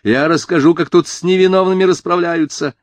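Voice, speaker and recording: A man's voice: fairly quick, no echo, close to an everyday voice. A man voicing a hysterical middle-aged mother who wails and shrieks on one note. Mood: outraged. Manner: shrill, wailing, on one note.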